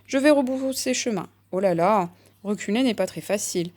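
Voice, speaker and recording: A woman voicing a friendly, curious young male elephant in a storybook reading, speaking in a raised, lively voice. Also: medium pitch, moderate pace, lightly acted. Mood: cheerful. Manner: lively, calls out raised and bright.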